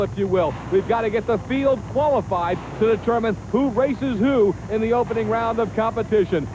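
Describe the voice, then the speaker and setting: A man working as a motorsport TV host, calling monster truck and tractor pull action in an emphatic, promotional announcer delivery. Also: sits high. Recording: noisy TV audio with engine noise.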